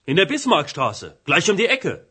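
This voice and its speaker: A man's voice: sits high, wildly swooping pitch, unhurried, pushed and bright, slightly rough, full character voice. A man voicing an angry, indignant hotel guest in a language-learning radio drama. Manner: indignant, agitated.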